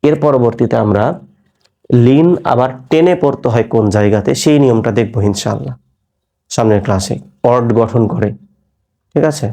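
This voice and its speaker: A patient man with a Bangladeshi Bengali accent teaches a recorded reading lesson, sounding out syllables one by one and pausing to check understanding. His voice is mellow and dark, at an ordinary middle pitch.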